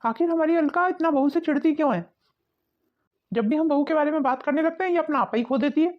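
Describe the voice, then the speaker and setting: A woman voicing a kindly, fair older father-in-law in a family cartoon, giving calm advice. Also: high-pitched, fast talker, close to an everyday voice. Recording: dull lo-fi recording.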